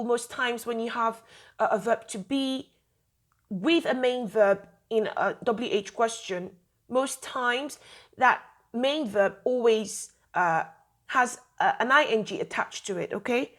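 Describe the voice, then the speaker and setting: A woman's voice: a little high, measured pace. A woman teacher giving a recorded grammar lesson, patiently repeating key points with many fillers.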